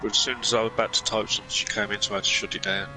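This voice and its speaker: A man's voice: fairly low pitch, sing-song, rapid-fire, vocal fry, music in the background. A man chatting along as a co-commentator on an online race, making dry, teasing remarks. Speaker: co-commentator and fellow racer. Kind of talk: casual banter. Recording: noisy game audio behind voice.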